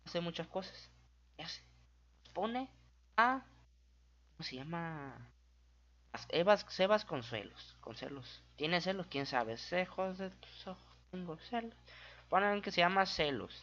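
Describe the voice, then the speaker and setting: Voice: mid-range voice, expressive, unhurried, pauses often, fairly bright tone, lo-fi sound. Una voz con acento mexicano explica historia en tono relajado y juguetón, con efectos de sonido hechos con la boca y autocorrecciones constantes. La entonación sube y baja con mucha viveza. La grabación suena apagada y de baja calidad. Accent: Mexican Spanish. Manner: goofy and chatty, with sound effects and self-corrections. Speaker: YouTuber explaining history. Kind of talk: casual, playful history explainer.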